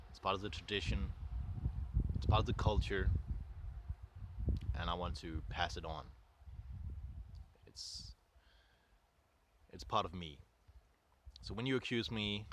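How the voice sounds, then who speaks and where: A man's voice: low voice, background noise. A man ranting to camera outdoors in the evening cold, passionate and defensive, swearing now and then. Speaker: vlogger. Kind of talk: casual rant to camera.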